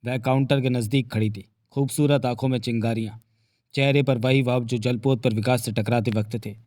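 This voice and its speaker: A man's voice: medium pitch, steady tone, fairly quick, a little mellow. Man reading a Hindi novel dramatically. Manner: vivid storytelling. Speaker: audiobook narrator.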